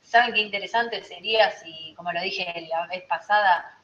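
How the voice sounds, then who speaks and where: A woman's voice: lowish voice, moderate pace, a bit bright. Rioplatense woman, astrology teacher, chatty lesson style that keeps checking in with the group; echoey room. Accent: Rioplatense Spanish. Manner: conversational, checks in with listeners often. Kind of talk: informal teaching talk to a group. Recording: roomy, slightly dull recording.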